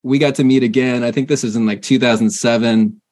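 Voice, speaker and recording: Man, podcast host, mid-range pitch, friendly, loose, casual fillers. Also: steady tone, fairly quick, darkish tone. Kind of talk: casual interview.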